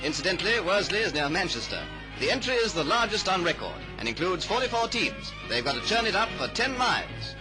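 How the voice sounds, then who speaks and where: The narrator is a man with a high, very animated voice and a fairly quick pace, proclaiming a 1930s newsreel in a grand, patriotic way. It's an old soundtrack with poor audio under loud music.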